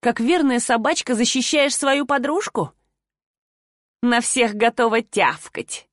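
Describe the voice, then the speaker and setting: Casting: a woman doing a high, sneering rich mean girl in an audiobook, snarling and mocking, dry close sound. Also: measured pace, no echo, close to an everyday voice. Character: spiteful rich young woman, mocking bully. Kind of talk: audiobook character voice.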